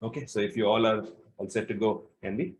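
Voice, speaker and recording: Male instructor on a video call, slightly low voice, casual and apologetic classroom chatter. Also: fast, low-quality recording. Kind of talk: live online class.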